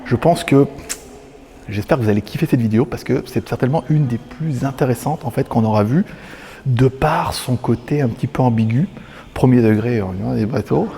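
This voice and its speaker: Man vlogger, mid pitch, slangy, laughs a lot, camera audio with clear background noise. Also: fairly quick, mellow. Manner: chatty and loose, slangy, laughing often, many fillers. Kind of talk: casual vlog commentary. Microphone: handheld camera on a stabilizer.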